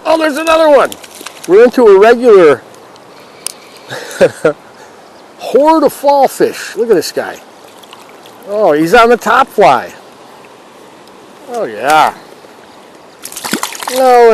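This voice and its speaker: A man with a voice on the high side hosts a fishing vlog from the middle of a river, chatting in a relaxed, folksy manner while fishing. The recording is low quality, but outdoor river and ambient sounds are clear.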